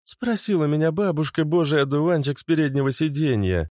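A man narrating an audiobook with a brisk, expressive delivery. His voice sits fairly high. The recording is dry and close, with no room sound. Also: dry recording. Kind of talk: audiobook reading.

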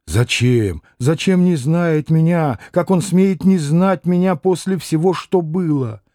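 A man's voice: fairly high pitch, slow pace, dark tone, dry recording, studio quality. A man reading an audiobook voices a proud, anguished young noblewoman who pleads and exclaims passionately. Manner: impassioned, pleading, rising to exclamations.

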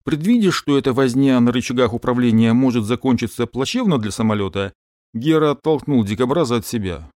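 A man narrating an audiobook, telling the story expressively and giving the characters lively voices. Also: mid-range voice, fairly quick, no room sound, clean studio sound.

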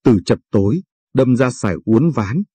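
A man reading the lines of a poor grieving peasant father in a radio story, quiet and plain-spoken. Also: medium pitch, expressive, moderate pace, breathy edge, no room sound. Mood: weary.

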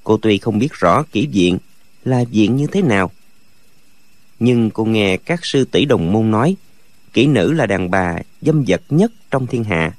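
A man narrating a martial-arts novel as an expressive audiobook reader. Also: fairly low pitch, measured pace. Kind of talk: storytelling narration.

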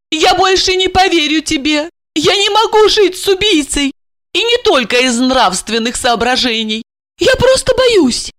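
A woman voicing a frightened, accusing young wife with a shrill, tearful manner. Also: a bit bright, no echo, clean studio sound, exaggerated voice.

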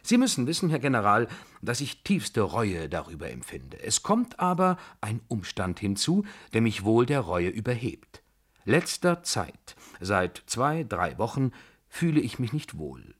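A man's voice: fairly low pitch, husky, heavily acted. A man as a nervous, defiant young tutor. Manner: overwrought, self-justifying, wordy. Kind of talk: radio drama reading.

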